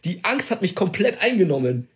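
Young guy, kinda high voice, all worked up telling his story, swears a lot. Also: fairly quick. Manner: excited, swearing, vivid storytelling with slang. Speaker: storyteller in casual chat. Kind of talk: casual chat.

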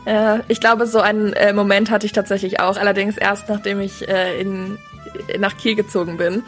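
A woman's voice: medium pitch, level tone, normal speed, soft background music. A young woman student in a casual radio chat, telling stories in a chatty, amused way. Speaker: student co-presenter.

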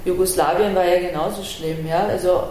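Her voice fairly low, steady, a little fast and slightly mellow, this middle-aged woman, born in Iran and brought up in Vienna, talks as an artist-activist interview guest. She is candid and thoughtful, running her sentences long, and the room echoes with faint ambient noise.

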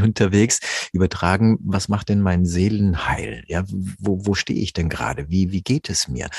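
A man who works as a professional voice speaker, explaining in a reflective, conversational interview and slowing his words for emphasis. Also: sits low, slightly rough, no room sound, studio quality.

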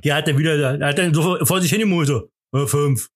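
A tipsy German man co-hosting a podcast, joking and teasing with loud bursts of laughter. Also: on the high side, a little fast. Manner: boisterous, laughs loudly, teasing. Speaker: podcast co-host. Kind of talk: casual comedic banter.

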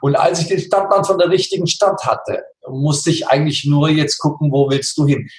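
A middle-aged man telling his life story as an interview guest, animated and emphatic, full of rhetorical questions. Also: on the high side, moderate pace. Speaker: interview guest, coach and actor. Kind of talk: conversational storytelling. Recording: roomy echo.

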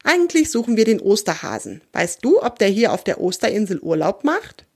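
A woman's voice: mid-range voice, big pitch swings, fairly quick, a little mellow, slightly rough. A woman voicing a small, brave, cheerful male creature in a children's storybook. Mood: eager.

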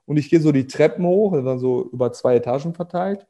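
A man's voice: on the high side, quick pace, mellow. A man guest on a podcast, telling a personal story casually with many fillers and quoted dialogue.

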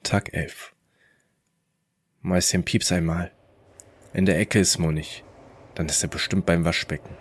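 A man narrating a first-person story in a calm, low-key inner-monologue manner. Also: a little slow, long pauses, husky.

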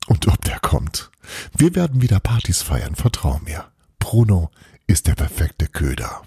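Brief: a flighty, scheming old witch mother, sly and teasing, husky, voiced by a man. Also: deep voice, big pitch swings, a little slow, mellow, no echo, studio quality, full character voice. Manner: sly, teasing, sprinkles Italian words.

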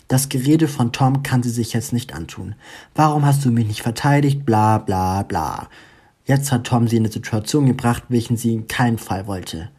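A man narrating a story with an expressive reading. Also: mid-range voice, slightly rough.

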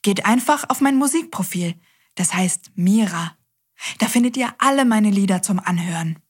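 Breathy kids show host lady, cheerful and reassuring, talks right to the kids. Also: medium pitch, lively intonation, normal speed. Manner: cheerful and reassuring, addresses children directly. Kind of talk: children's show presenting.

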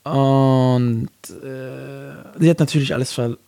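A man co-hosting a talk podcast, telling a personal story in an animated way and acting out the voices of the people in it. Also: mid-range voice, takes it slowly, vocal fry. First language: Arabic. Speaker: podcast co-host. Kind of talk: casual storytelling chat.

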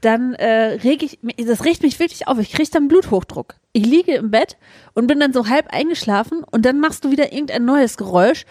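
Higher-voiced woman in casual, teasing banter. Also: lively intonation, brisk, a little mellow, no echo, studio quality. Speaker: podcast co-host.

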